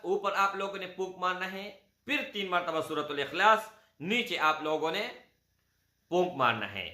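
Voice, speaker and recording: A man gives religious instruction at an unhurried pace, walking listeners through each step and calling them brother. His voice is very bright and ringing, with a lively rise and fall. The sound carries a roomy echo. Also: on the high side. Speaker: spiritual guide.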